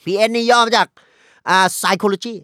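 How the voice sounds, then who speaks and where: A man riffs through loose podcast banter, laying out his puns in a flat, unbothered way. His voice sits close and dry on a studio mic, with no room sound around it. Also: high-pitched, a little slow, no room sound. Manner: deadpan, spins out wordplay jokes. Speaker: podcast co-host. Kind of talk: casual comedic banter.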